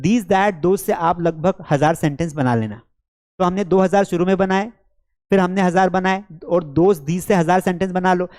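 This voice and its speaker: A man's voice: fairly high pitch, darkish tone. A man teaching spoken English in a classroom at a board, drilling sentence pairs aloud with energy and calling students beta and bhai.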